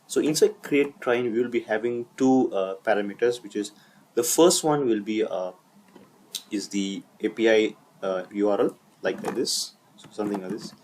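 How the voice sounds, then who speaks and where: A man giving a screen-recorded coding walkthrough, talking haltingly with many fillers and self-corrections. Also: lowish voice, a little hiss or hum. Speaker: coding tutorial instructor.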